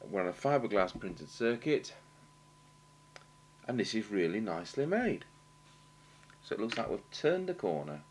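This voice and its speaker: A British man with a low voice talks over a humming noise, very animated yet halting and matter-of-fact, as if thinking aloud. He is a radio repair technician giving an unscripted technical demonstration at a bench in an indoor workshop. Background noise and hum are clearly audible in the recording.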